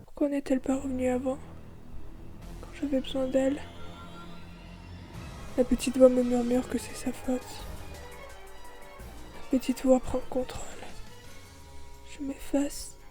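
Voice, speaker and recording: A woman narrates a first-person audio fiction softly and slowly, in a melancholic tone. Her voice is high-pitched and mellow, with a warm, unhurried delivery. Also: completely flat delivery, soft background music.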